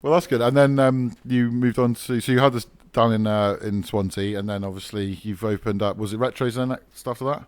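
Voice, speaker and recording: Very quick-talking male interviewer, dry sound. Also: medium pitch, steady tone, a little mellow, no room sound. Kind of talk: casual chat.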